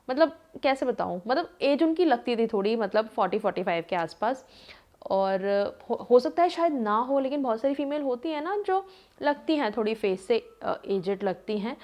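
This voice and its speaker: A woman in her thirties tells a personal story in a relaxed, conversational way. Her voice sits a little high, and she leans on fillers. She acts out what others said. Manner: chatty, lots of fillers, acts out quoted voices. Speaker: vlogger. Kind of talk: casual storytelling monologue.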